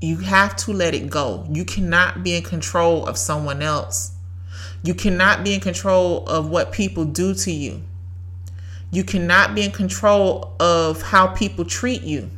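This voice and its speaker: Woman in her thirties, podcast host, fairly low voice, preachy and emphatic with repeated lines. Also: measured pace, a bit bright. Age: 30s. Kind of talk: faith-based motivational talk.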